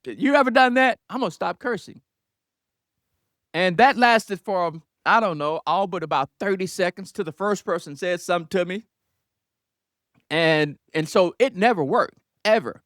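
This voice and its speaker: A man tells his own faith story in an earnest, reflective way. His voice rises and falls across a lively range, and he now and then asks the listeners a question. The sound is dry, with no room echo. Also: high voice, moderate pace. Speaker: speaker giving testimony. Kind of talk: personal testimony storytelling.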